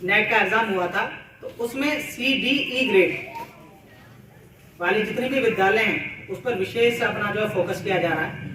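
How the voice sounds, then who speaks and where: A man addresses fellow teachers at a school cluster meeting, explaining at length and repeating words for emphasis. His voice sits high and bright. The room is strongly echoey and the mic is placed well away from him. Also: moderate pace, far from the mic, a little hiss or hum. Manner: explanatory, repeats words, uses everyday examples.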